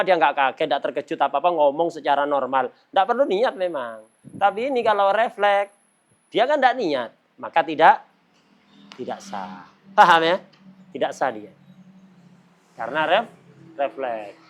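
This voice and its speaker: A man teaching a religious lesson, playful and quick to laugh, mimicking people for examples. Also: on the high side. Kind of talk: kitab study lesson.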